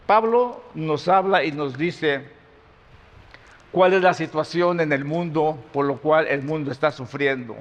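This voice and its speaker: Impassioned preacher in a reverberant hall. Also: male voice, high-pitched. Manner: impassioned, shifts between loud emphasis and quiet intensity. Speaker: pastor. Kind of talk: sermon.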